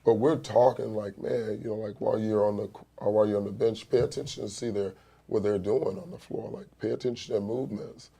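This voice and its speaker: A man, a youth basketball coach, telling stories in casual chat with an animated manner. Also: lowish voice, a little fast, gravelly, slightly rough.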